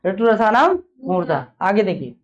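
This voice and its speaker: A woman's voice: mid-range voice, very animated, moderate pace. A woman teaching an exam-prep class, who fires off a question, repeats it, and then answers it herself. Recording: dull lo-fi classroom recording.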